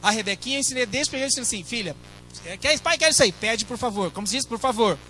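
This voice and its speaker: A middle-aged Brazilian pastor preaching in a high, bright voice. He talks to the congregation in a chatty way, with asides and questions. A faint hum sits behind him. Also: expressive, rapid-fire, low-quality recording. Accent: Brazilian Portuguese. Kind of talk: sermon.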